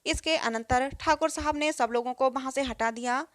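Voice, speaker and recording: A woman reading a classic story aloud in a steady, measured storybook manner. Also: high-pitched, no echo.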